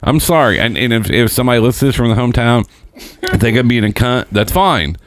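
A man in his forties hosting a casual podcast chat, blunt and profane, quick to make fun of himself. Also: medium pitch, lively intonation, no echo. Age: 40s. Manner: blunt, profane, self-mocking.

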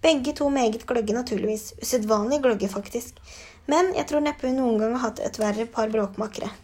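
A woman reading an audiobook, voicing a stern older female professor who speaks quietly and darkly. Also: on the high side, natural voice.

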